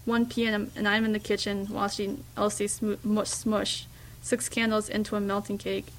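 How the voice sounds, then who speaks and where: A woman reading a first-person story aloud, in a hushed, reflective way with small slips and restarts. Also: mid-range voice, flat delivery, normal speed, a little hiss or hum, rough recording. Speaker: reader.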